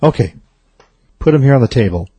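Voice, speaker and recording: Man putting on a patient young biologist, flat, matter-of-fact, husky, dry. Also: mid-range voice, brisk, no room sound, pitched above the performer's own voice.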